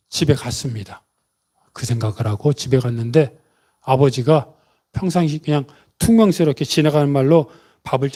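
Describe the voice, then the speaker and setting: A man preaching a sermon, retelling a story with dramatic pauses and sudden emotional rises. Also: mid-range voice, dark tone. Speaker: pastor.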